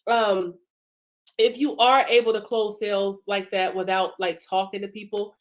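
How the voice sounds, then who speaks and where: Congested with a cough and sore throat, a business coach runs a casual live stream, chatting informally and using many fillers as she teaches. Her voice is medium in pitch and steady in tone, at a moderate pace.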